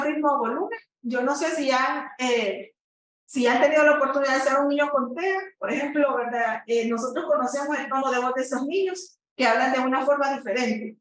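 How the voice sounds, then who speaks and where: A woman therapist giving a lecture, explaining at length and often checking in with the audience. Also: sits high. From El Salvador. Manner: explanatory, frequent "¿verdad?" tags and fillers. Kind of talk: teaching presentation. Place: lecture room. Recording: echoey room, voice far from mic.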